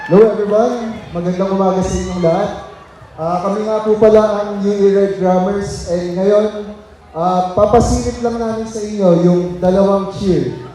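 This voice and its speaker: A man's voice: high voice, fairly even intonation, normal speed, dark tone, a little hiss or hum. A man with a Filipino accent leading a crowd through cheers, counting beats and calling instructions in a large theater. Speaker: cheer leader of a drum group. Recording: echoey theater, mic heard from far off.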